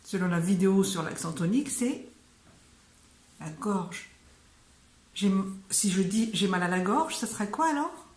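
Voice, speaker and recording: Lady teaching words, slow and hesitant, lots of euhs, echoey room. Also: mid-range voice, animated. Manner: slow, hesitant, many fillers. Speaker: Malagasy language teacher. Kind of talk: casual online language lesson.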